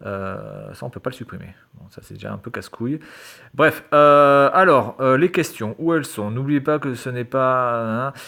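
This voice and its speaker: A video creator with a creaky, pushed, bright mid-range voice reads quiz questions aloud at normal speed. He reacts with sarcastic, exasperated commentary, swearing and muttering as he goes.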